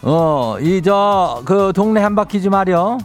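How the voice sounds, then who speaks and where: Drawling Chungcheong-accented man, higher voice. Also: expressive, slow, faint music behind. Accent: Chungcheong Korean. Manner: drawling, teasing, homespun advice. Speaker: radio host reading listener messages. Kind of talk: folksy radio call-in chat.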